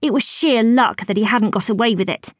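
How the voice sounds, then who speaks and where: Woman, scripted storytelling, expressive delivery, higher voice, dry recording. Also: fairly quick, dry recording. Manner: expressive, rising high on surprise and excitement. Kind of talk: scripted first-person narration.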